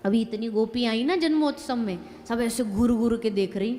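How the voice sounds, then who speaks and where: A woman's voice: a little high, normal speed, dark tone. Woman telling a devotional story in Braj. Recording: long hall reverb, faint music.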